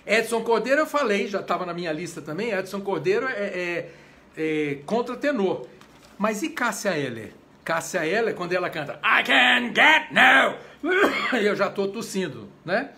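Animated Brazilian man with a high voice. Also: moderate pace. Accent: Brazilian Portuguese. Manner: animated, chatty, breaks into short sung examples. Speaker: conductor and voice teacher. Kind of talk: informal introductory lecture. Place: home during quarantine.

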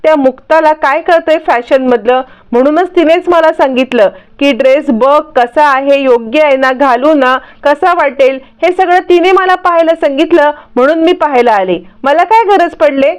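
A woman's voice: high voice, moderate pace, hardly any pauses, lightly acted. A woman playing a scheming young schemer. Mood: defensive. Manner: defensive, pretending innocence.

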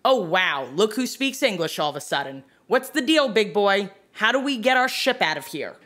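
A woman's voice: medium pitch, sing-song, moderate pace, a bit bright. An actress playing a fierce, foul-mouthed female starship captain in an audio drama, brash and commanding.

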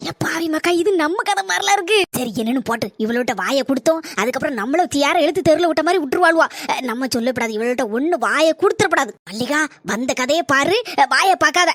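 A woman's voice: high voice, lively intonation, fast, a bit bright, no echo, studio quality. A woman with a Kanyakumari Tamil accent, muttering comic asides in a cartoon comedy. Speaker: comedy voice artist.

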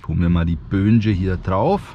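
A young man vlogging casually from inside a car, excitable and slangy, given to exclamations. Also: unhurried, highs cut off. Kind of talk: casual challenge vlog, youth slang. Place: inside a small car, often driving. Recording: noisy car interior, road rumble.

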